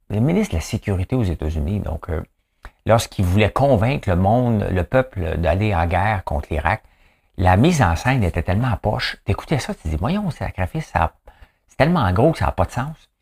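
A man's voice: sits low, creaky, a little mellow, slightly rough. A man with a Quebec French accent talking to the camera in a rambling, joking, self-mocking way. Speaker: vlogger. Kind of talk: casual solo commentary to camera. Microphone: camera mic.

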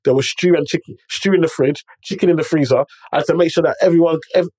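Fairly high and husky yet a little mellow, this male voice goes fast, and the recording is dry. He talks like an urban London roadman with multicultural slang, delivering emphatic, conversational stories and motivational advice while repeating phrases and checking in with the listener.

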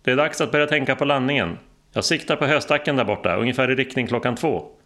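A man voicing a brash, bearded male skydiving instructor who shouts over the wind. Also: lowish voice, lively intonation, vocal fry. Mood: shouting. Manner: shouting, boisterous.

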